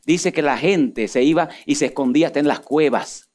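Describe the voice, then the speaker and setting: A man preaching a sermon, swinging from loud emphatic peaks down to low asides. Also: moderate pace. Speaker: pastor.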